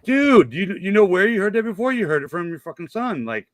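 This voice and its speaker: A man's voice: sits high, big pitch swings, a little fast, no room sound. A man in his fifties hosting a casual fan chat, enthusiastic and rambling, with a jokey streak. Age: 50s. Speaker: show host.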